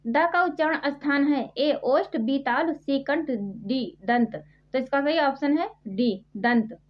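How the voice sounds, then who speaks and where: A woman runs through multiple-choice grammar questions at an unhurried pace, repeating each question and answer. Her voice sits high and is measured. The recording is dull and lo-fi. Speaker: Hindi grammar teacher. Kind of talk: quiz-style exam prep lesson. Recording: dull lo-fi sound.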